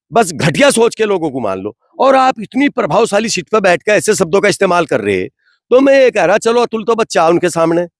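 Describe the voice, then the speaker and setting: A man's voice: high voice, no room sound, clean studio sound. A man, giving an impassioned, indignant street interview full of rhetorical questions. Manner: rhetorical, indignant, repeats "bhai". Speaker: interviewee from the community.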